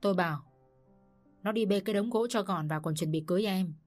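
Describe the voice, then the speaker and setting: A woman's voice: mid-range voice, brisk, a little mellow, faint music behind, close to an everyday voice. A woman voicing an abusive older mother-in-law who screams insults, in a storybook reading. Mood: aggrieved.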